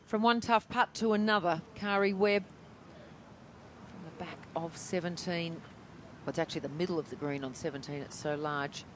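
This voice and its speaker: A woman's voice: fairly low pitch, steady tone, normal speed. A woman giving live television golf commentary, reacting to play with descriptive analysis. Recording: noisy outdoor broadcast sound. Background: outdoor tournament ambience.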